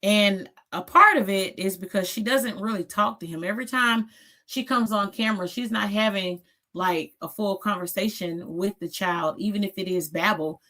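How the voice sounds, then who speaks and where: A woman's voice: medium pitch, moderate pace, bright, forceful tone. A woman in her forties hosting a reaction channel, giving blunt, sassy commentary and tagging her points with "okay?".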